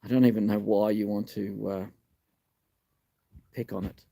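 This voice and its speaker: A man's voice: on the low side, little pitch movement, moderate pace, gravelly, dark tone, dry recording. An Australian man in his fifties with a missing front tooth, speaking live in blunt, emphatic, sweary short phrases. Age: 50s. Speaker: live-stream host and community advocate. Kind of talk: live political talk, answering viewer questions.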